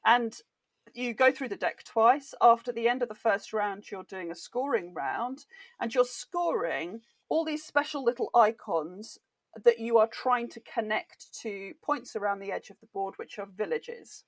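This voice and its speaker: A woman's voice: on the high side, expressive, unhurried, no echo. A British woman, a board game author, chatting enthusiastically as a podcast guest. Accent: British English. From Britain. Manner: enthusiastic, chatty, laughs easily. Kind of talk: casual interview chat.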